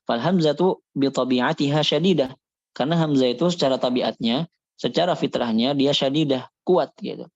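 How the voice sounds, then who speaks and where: A man giving a religious lesson on Quran recitation, calmly explaining and slowly demonstrating Arabic sounds. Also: medium pitch, dry recording, dull audio.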